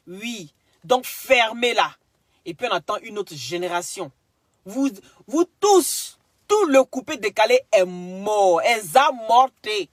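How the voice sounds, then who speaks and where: A woman ranting at someone in a clash video, scolding and insulting, swinging between loud outbursts and mutters, with bits of broken English. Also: medium pitch, no room sound. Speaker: social media commentator.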